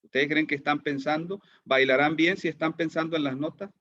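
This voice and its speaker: A man's voice: on the high side, fairly even intonation, brisk, fairly bright tone, no room sound, dull audio. A man teaching an online class, who keeps asking his students questions and repeats words as he goes. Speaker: lecturer.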